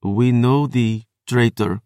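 A man's voice: medium pitch, steady tone, slow pace, warm tone, no room sound, studio quality. A man voicing an ancient, cruel female vampire who taunts in archaic, contemptuous speech. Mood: taunting.

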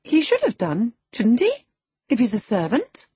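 A woman's voice: fairly high pitch, wildly swooping pitch, moderate pace, dark tone, slightly rough, dry recording, voice pushed up, heavily acted. A woman voicing a spoiled, haughty young girl with a demanding, indignant manner in an audiobook. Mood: imperious. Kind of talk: dramatised audiobook character.

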